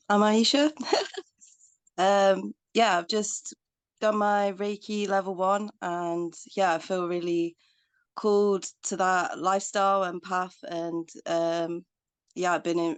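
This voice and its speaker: A woman introducing herself on a video call in an enthusiastic, warm way, with light laughs. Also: mid-range voice, clean tone. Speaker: participant.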